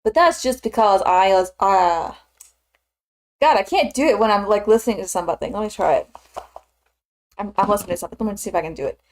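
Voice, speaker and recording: Young woman streaming, chatting away while modeling, rambly, says like a lot, average pitch. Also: fast, pauses often. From Southern United States. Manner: rambling, lots of "like" fillers. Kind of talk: casual chat while 3D modeling.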